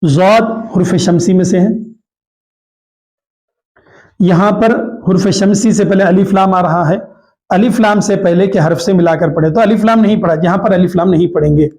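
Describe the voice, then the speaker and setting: A man with a Hyderabadi Urdu accent teaching a tajweed lesson, repeating each rule and slowly drawing out the Arabic example words. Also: sits high, darkish tone. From Hyderabad, India. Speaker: Quran recitation teacher. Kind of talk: tajweed lesson, explaining rules.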